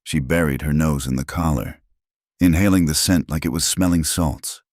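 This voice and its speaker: Very deep male audiobook narrator. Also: a little mellow, dry recording, studio quality. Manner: measured, dramatic.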